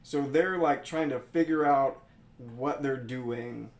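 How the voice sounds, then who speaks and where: A man's voice: medium pitch, slow. A man, chatting casually as an interview guest and rephrasing as he explains things. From Mississippi, United States. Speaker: drag queen guest being interviewed. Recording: echoey room sound.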